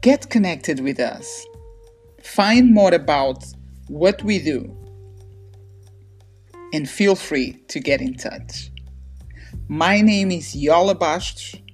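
Slow-spoken, low-pitched woman podcast host. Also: animated, faint music behind. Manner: upbeat, welcoming. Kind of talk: podcast interview.

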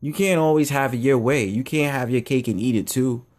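A man's voice: medium pitch, a little fast, a little mellow. Blunt rambling male show host. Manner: rambling, blunt, repeats himself. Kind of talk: casual opinion monologue.

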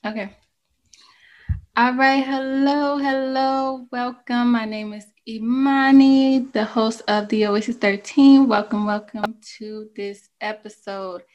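A woman from the United States hosts a casual podcast chat, talking slowly and unhurriedly. Her voice sits a little high. She keeps things loose and friendly, with fillers along the way. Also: muffled recording, faint music behind. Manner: relaxed, chatty, with fillers and laughs. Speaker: podcast host.

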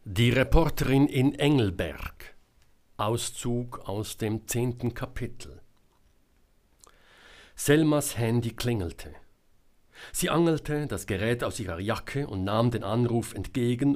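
A man narrates a novel at an unhurried pace, his voice moving expressively up and down. The reading is measured and clear. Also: mid-range voice, lively intonation, a little mellow. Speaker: audiobook reader. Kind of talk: scripted narration.

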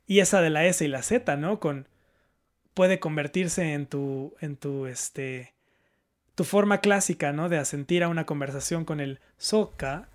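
A man in casual conversation, talking in a careful, measured way with some hesitations. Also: fairly high pitch. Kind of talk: casual chat.

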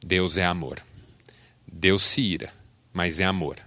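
A male pastor preaching a sermon, telling stories and acting out scenes, building to loud bursts. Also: low-pitched, a little slow, no echo.

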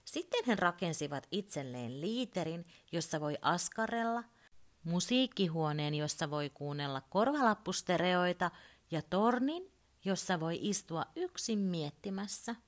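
A woman gently reading a children's story aloud. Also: fairly low pitch, lively intonation.

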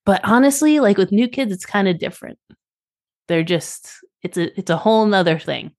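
A woman touring photographer chatting casually as a podcast guest, upbeat and quick to laugh. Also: mid-range voice, lively intonation, no room sound, rough recording. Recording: remote call, briefly garbled by a loose cable.

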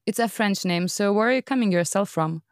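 A woman's voice: medium pitch, fairly quick, no echo, clean studio sound. A woman hosting a podcast, opening with scripted, upbeat introductions and then asking questions in a conversational interview. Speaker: podcast host.

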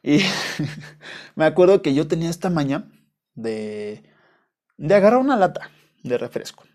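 A man's voice: a little high, big pitch swings, measured pace, darkish tone. A young adult man with a Mexican accent, hosting a podcast and telling stories in a rambling, slangy, profane way. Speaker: podcast host. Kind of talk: casual monologue storytelling.

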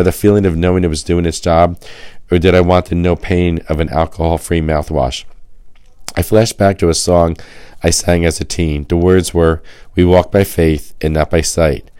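A middle-aged man reads a scripted devotional as host of a program. His voice sits low and carries the hoarse rasp of laryngitis, like a smoker's. He speaks straight to the listener in measured storytelling, in a dry recording with no room sound. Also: steady tone, darkish tone, no echo.

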